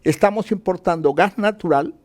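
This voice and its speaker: A man from Colombia with a high-sitting voice speaks at normal speed. As an economist in an interview, he instructs point by point, posing questions and then answering them.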